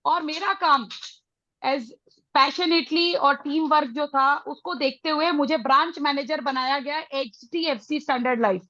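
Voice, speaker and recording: A middle-aged woman with an Indian accent leading a motivational parenting session, mixing Hindi and English with emphatic, drawn-out phrases. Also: high voice, sharp tone, dry recording, muffled recording. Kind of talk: motivational talk to a live group.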